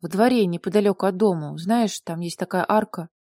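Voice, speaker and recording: A woman's voice: lowish voice, brisk, warm tone, no room sound, studio quality. Woman voicing a tearful panicky husband. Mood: flustered. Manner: agitated, pleading delivery. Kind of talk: audiobook character voice.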